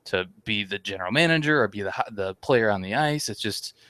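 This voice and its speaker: A man in his thirties co-hosts a podcast, steering the casual chat by asking questions. His lowish voice is lively, brisk, pushed and bright, with no room sound.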